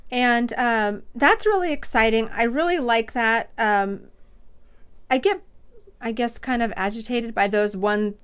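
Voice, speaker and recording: An excitable woman hosting a podcast, talking to her guest in a loose, chatty way. Her voice sits a little high and sounds smooth and clear, and she gushes with bubbly enthusiasm. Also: measured pace. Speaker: podcast host. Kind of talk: casual interview chat.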